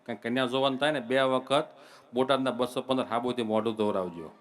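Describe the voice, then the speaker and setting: A man's voice: mid-range voice, brisk. Man, humorous folk storyteller, addresses devotees. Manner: folksy joke-telling, addresses listeners as devotees. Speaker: comic speaker at a religious gathering.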